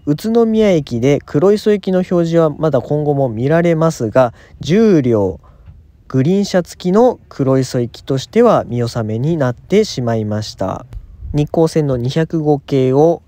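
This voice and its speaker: Mellow-voiced male travel narrator. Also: fairly high pitch, expressive, measured pace, dry recording. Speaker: narrator of a train travel vlog.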